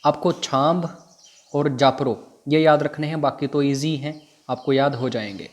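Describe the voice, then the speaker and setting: A man's voice: fairly high pitch, unhurried. A man teaching an exam prep lesson, repeating which facts to memorize. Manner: repetitive, drilling what to memorize.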